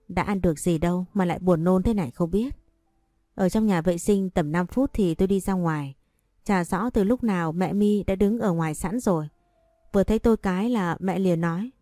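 A woman's voice: mid-range voice, mellow, no room sound, clean studio sound. A woman narrating a first-person romance story aloud, reading the dialogue in her own voice. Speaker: audiobook narrator.

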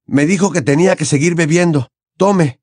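A male audiobook narrator with a slightly high, pushed-up but natural voice performs an anxious teenage boy wizard who speaks tensely and urgently. The mood is urgent and coaxing, at a moderate pace, recorded with clean studio sound and no room echo.

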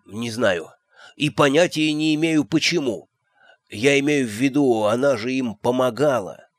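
A man's voice: medium pitch, measured pace, no echo, natural voice. Timid, weak-voiced young servant lad, read by a man, dry sound. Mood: nervous. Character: nervous young male castle servant.

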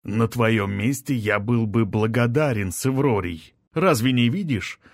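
A man voicing a scheming, mocking male court mage who taunts his enemies in slow, drawn-out phrases. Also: medium pitch, dry recording, studio quality.

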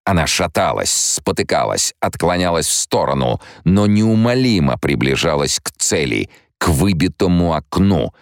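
A man narrating an audiobook in a steady, dramatic reading. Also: low-pitched, moderate pace, hardly any pauses, no echo, studio quality. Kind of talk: scripted narration.

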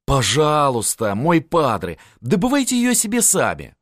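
A man's voice: on the high side, huge pitch swings, unhurried, fairly bright tone, no echo, clean studio sound, voice pushed up, full character voice. A man voicing a frightened pleading young son. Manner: pleading, tearful.

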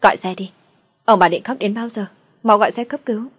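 A woman's voice: mid-range voice, brisk, breathy edge, voice pushed up, close to an everyday voice. A woman doing a fierce young daughter-in-law. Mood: commanding. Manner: barked orders.

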